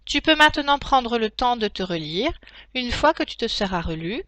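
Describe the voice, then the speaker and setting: A woman teacher dictating a text to pupils, phrase by phrase, in a deliberate, carefully articulated way with pauses. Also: a little high, lively intonation, a bit bright, dry recording. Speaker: primary school teacher.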